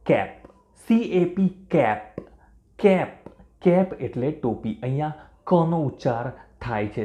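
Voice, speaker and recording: Mellow-voiced male teacher drilling spellings. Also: a little high. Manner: slow, clear drilling, repeating each word and spelling letter by letter. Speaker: English teacher. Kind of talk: language lesson for beginners. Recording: roomy echo.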